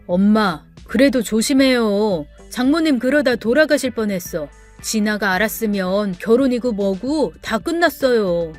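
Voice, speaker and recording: A woman's voice: on the high side, expressive, measured pace, hardly any pauses. Woman doing a pleading, spineless young fiancé. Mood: uneasy. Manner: pleading, evasive. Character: weak-willed pleading young man, the fiancé. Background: soft background music.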